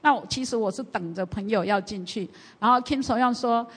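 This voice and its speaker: A woman pastor tells a story to her congregation with a lively, animated delivery and plenty of fillers. Her voice sits a little high. It rings with the long reverb of a church hall. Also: fairly quick, husky. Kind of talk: sermon storytelling in a church service.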